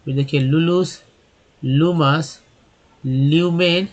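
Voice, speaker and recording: A man's voice: on the high side, fairly even intonation, slow. Man teaching English spelling. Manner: spells words letter by letter, asks and answers himself. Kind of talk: explaining pronunciation.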